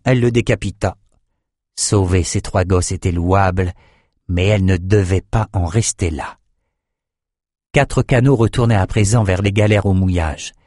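Low-pitched male narrator, steady measured reading, dry close-miked studio sound. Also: dry recording. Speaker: audiobook narrator. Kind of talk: scripted narration.

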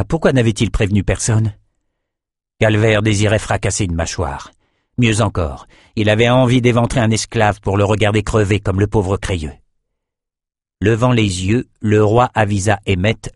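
Brief: male audiobook narrator, lowish voice, dry close sound, steady dramatic delivery. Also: dry recording. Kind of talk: scripted narration.

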